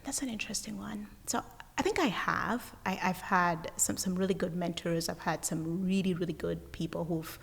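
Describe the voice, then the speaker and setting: A woman's voice: fairly low pitch, moderate pace, creaky, slightly rough, long reverb tail. A woman from Uganda, a podcast guest talking casually and energetically about her life and work. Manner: energetic, explains things in a practical way. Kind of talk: casual interview conversation.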